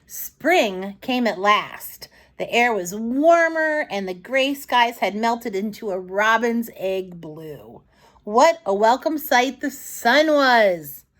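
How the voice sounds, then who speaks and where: A woman reads a story aloud to young children in a dramatic, expressive storybook style, pausing for asides to her listeners. Her voice sits a little high and she takes her time.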